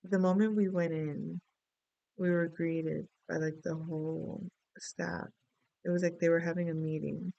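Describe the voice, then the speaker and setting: A woman's voice: on the low side, level tone, unhurried, creaky, warm tone, no room sound, muffled recording. A middle-aged woman from the Dominican Republic, giving a casual spoken astrology reading and rambling through a story with many asides. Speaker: astrology and tarot reader.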